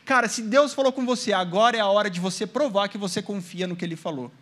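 Man preaching, from Brazil, high-pitched voice, lively storytelling, talks straight to the church. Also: fast. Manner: storytelling, acting out his own past prayers and quotes; addresses the congregation directly, asking amen. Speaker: pastor. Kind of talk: sermon with personal testimony.

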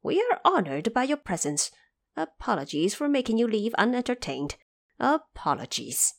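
A woman's voice: fairly high pitch, big pitch swings, moderate pace, gravelly, heavily acted. A woman voicing an eager male Monkey King in a storybook tale, courteous but used to giving orders. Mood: gracious.

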